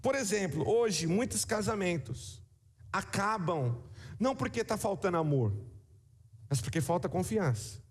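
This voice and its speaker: A man's voice: sits high, expressive, measured pace, in a large hall. A man with a Brazilian accent, preaching a sermon in a conversational way, with repetitions and asides to the congregation. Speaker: pastor.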